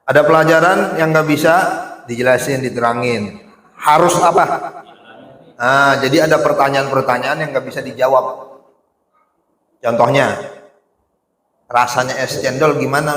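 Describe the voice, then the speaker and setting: With a mid-range, slightly bright voice, a man preaches an informal Islamic sermon, mixing colloquial storytelling and rhetorical questions with Arabic recitation. He keeps a moderate pace but pauses often, and the recording carries echoey hall reverb.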